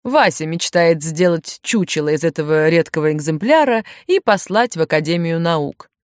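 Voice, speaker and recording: An amused, knowing grown man, voiced by a woman reading a storybook. He explains with wry surprise, and his pitch jumps up on exclamations. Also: expressive, normal speed, smooth, no echo, studio quality.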